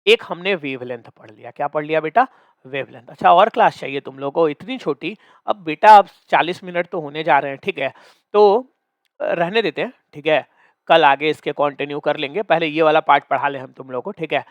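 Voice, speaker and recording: A young man teaches physics for exam prep, his voice a touch higher than most men's. He coaxes and teases his students, asking again and again whether they follow. The sound is dry and close, with no room echo. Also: a little fast, highs cut off. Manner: playful, coaxing, calls students "beta"; asks checking questions often. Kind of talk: online exam-prep lecture.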